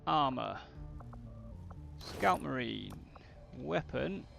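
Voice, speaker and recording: A man's voice: mid-range voice, animated, drawn-out words, gravelly, bright, forceful tone, faint music behind. A British man doing casual, blokey, sweary game commentary as a streamer chatting with viewers. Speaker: gaming streamer.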